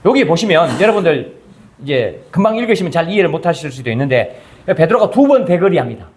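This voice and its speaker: A man's voice: a little high, big pitch swings, fast, darkish tone. A man pastor preaching a conversational sermon, firing rhetorical questions at the congregation and acting out quoted dialogue in changing voices.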